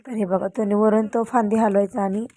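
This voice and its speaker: A woman's voice: mid-range voice, little pitch movement, brisk, warm tone. A young woman vlogging outdoors on a farm, chatting straight to viewers as she walks with a handheld phone. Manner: chatty, talks straight to viewers while walking. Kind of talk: casual vlog walkthrough. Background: faint wind and outdoor noise.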